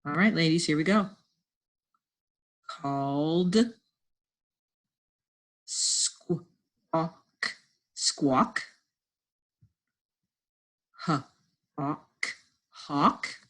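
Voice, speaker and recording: A woman's voice: deep voice, slow, pauses often, fairly bright tone. A woman teacher giving a lesson from home, patiently sounding out words and encouraging her class.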